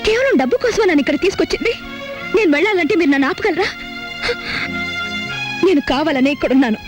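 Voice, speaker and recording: A woman's voice: very high-pitched, expressive, fast. A fiery young woman. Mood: defiant. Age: young adult. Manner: blunt, scolding. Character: sharp-tongued unmarried young woman, fiery. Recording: film soundtrack with music behind.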